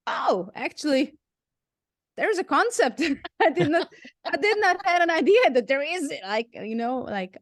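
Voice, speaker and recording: A Hungarian woman who plays music chats casually as an interview guest, laughing often and saying "like" a lot. Her English accent blends Hungarian and German. Her voice is on the high side, recorded at studio quality with no room sound.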